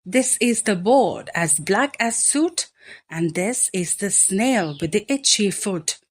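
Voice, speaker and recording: A woman reading a rhyming picture book aloud as a bedtime story, slow, gentle and rhythmic. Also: mid-range voice, lively intonation. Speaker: storybook reader.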